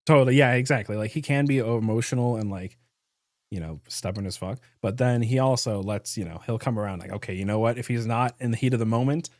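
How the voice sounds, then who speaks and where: Male podcast host, excitable, filler-heavy, mid pitch, dry close recording. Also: fast talker, dry recording. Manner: excited, many fillers, frequent laughs. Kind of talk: casual book discussion.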